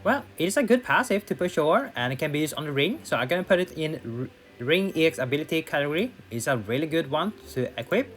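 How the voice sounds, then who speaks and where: Gaming commentator, male, higher voice, casual and thinking aloud, faint music bed. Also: animated, quick pace, fairly bright tone. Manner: thinks aloud with fillers and restarts. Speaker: gaming YouTuber. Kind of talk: casual tier list commentary.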